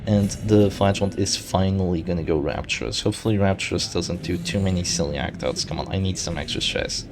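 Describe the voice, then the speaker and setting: A man's voice: low voice, fairly quick, noisy background. A man giving casual live commentary on his own strategy game match, thinking aloud and correcting himself as he goes. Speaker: gaming channel host.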